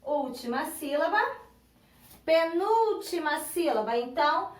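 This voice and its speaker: Brazilian woman teacher, slow, repeats and spells syllables, recorded across an echoey classroom. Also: high voice, lively intonation. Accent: Brazilian Portuguese. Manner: patient, spells out syllables slowly and repeats words. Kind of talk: recorded online classroom lesson. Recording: echoey room, voice from a distance.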